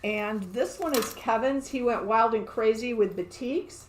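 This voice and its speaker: A woman's voice: fairly high pitch, a little slow, a little hiss or hum. Chatty, upbeat woman hosting a live show. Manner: chatty, upbeat, laughs often. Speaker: quilt shop host. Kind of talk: casual live show-and-tell. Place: quilt shop.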